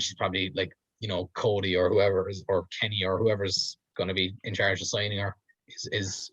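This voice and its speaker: A man's voice: deep voice, sharp tone, dry recording. A man, co-hosting a podcast, talking in a rambling, hedging way full of fillers. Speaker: podcast co-host. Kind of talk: casual chat. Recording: dull lo-fi dry sound.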